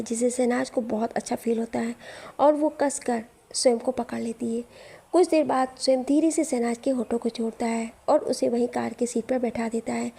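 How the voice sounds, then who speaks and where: Mellow, husky woman narrating a romance. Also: a little high. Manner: steady, dramatic storytelling. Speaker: storyteller. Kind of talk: scripted story narration.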